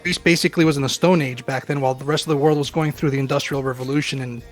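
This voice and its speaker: A man of about forty from Queens, New York, chats casually as a guest, telling his life story in a rambling, self-deprecating way packed with fillers. He talks very fast with a medium pitch and fairly even intonation, over soft background music.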